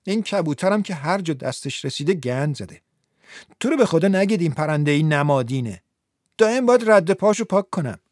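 A man voicing a scolding, exasperated young woman in an audiobook, with a sharp manner. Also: a little high, lively intonation, no echo, clean studio sound, natural voice. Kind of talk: audiobook character voice.

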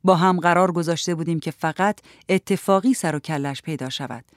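Measured reader of a literary story. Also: mid-range voice, dry recording, studio quality. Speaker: audiobook narrator.

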